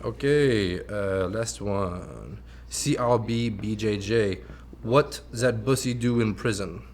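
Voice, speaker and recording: A man's voice: lowish voice, slow, darkish tone, a little hiss or hum. Teasing male interviewer, provocative. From France. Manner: teasing and provocative, reads out crude audience questions. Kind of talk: casual interview.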